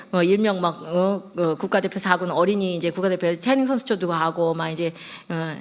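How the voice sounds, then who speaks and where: A middle-aged woman, a pastor's wife, preaching a sermon through a lively personal story and acting out the voices she quotes. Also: medium pitch. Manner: lively, acts out quoted voices, laughs often.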